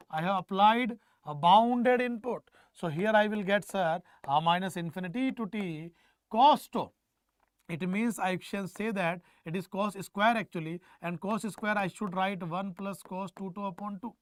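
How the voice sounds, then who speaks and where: A man's voice: sits high, no echo. North Indian man teaching, close dry sound. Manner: repeats phrases for emphasis, prompts students with questions; mixes Hindi phrases into English. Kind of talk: live online exam-prep lecture.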